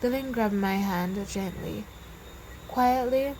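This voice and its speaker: A woman's voice: mid-range voice, slow, a little mellow, a little hiss or hum, low-quality recording. A woman reading a novel aloud chapter by chapter, correcting her own slips as she goes. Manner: reads with slips and self-corrections. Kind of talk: storybook reading.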